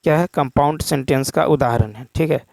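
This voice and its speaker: A man teaching exam questions in a steady explaining manner, often stopping to check with a quick "okay". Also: a little high, creaky, no echo.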